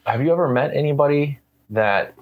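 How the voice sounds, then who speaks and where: A man's voice: fairly high pitch, a little fast, phone-quality sound. A man hosting a podcast in casual chat, laid-back and rambling, full of slang. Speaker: podcast host.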